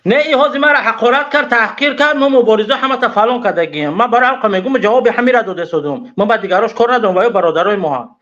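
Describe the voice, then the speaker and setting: A man's voice: high-pitched, few pauses, a bit bright. A man calling into a talk show who speaks in an agitated, insistent way. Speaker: caller. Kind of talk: phone-in talk. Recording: muffled phone line.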